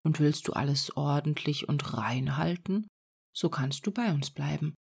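A woman's voice: low-pitched, unhurried, gravelly, a little mellow, husky, pitched below the performer's own voice, exaggerated voice. A woman voicing seven small kindly male dwarfs in a whispered role-play, asking earnest questions.

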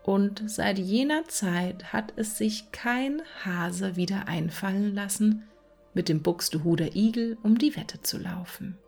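A woman reading a fairy tale aloud, slowly, sometimes half in a whisper. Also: mid-range voice, vocal fry, darkish tone, soft background music. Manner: slow, at times half whispered. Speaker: narrator.

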